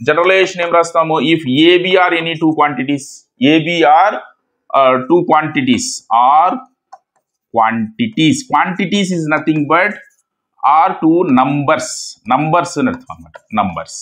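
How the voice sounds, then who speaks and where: Teaching math in a mix of English and Telugu, this native Telugu speaker with a Telugu accent talks very slowly in an animated, slightly high and a bit bright voice. He keeps repeating key words and asks questions only to answer them himself.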